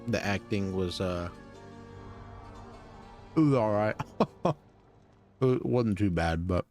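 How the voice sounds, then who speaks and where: Deep-voiced, laid-back young male streamer. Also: slow, darkish tone, soft background music. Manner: rambling, laid-back, lots of fillers. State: tired, yawning. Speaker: game streamer. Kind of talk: casual live-stream commentary.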